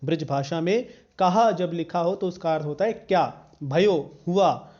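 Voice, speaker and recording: Man, high voice, slow deliberate pace, explains verses phrase by phrase, repeats himself, slightly dull lo-fi recording. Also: darkish tone. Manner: repeats glosses and restates each phrase, frequent "uh" pauses. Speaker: teacher explaining devotional poetry.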